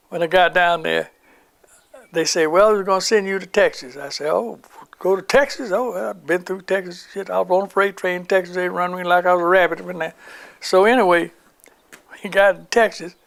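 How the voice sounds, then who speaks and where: A man's voice: high voice, gravelly. An older man recounting his wartime army memories in an oral history interview, rambling and acting out the voices of people he quotes.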